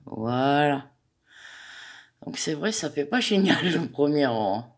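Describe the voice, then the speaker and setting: Slow, gravelly-voiced woman teaching crochet. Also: deep voice, very animated, slight background noise. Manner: chatty and hesitant, with many fillers, counting stitches aloud. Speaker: crochet tutorial host. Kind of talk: step-by-step craft tutorial.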